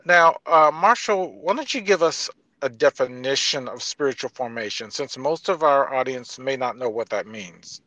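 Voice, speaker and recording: A man's voice: mid-range voice, lively intonation, moderate pace, sharp tone, lo-fi sound. A man hosting an interview podcast in a folksy way, addressing his listeners directly. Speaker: podcast host. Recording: reverberant interview sound.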